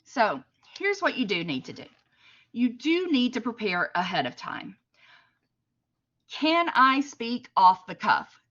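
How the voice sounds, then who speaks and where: A woman with a Southern US accent giving a chatty, unhurried webinar presentation, with many fillers. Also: a little high, very animated, fairly bright tone, highs cut off. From American South. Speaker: library trainer. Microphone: computer mic at a desk.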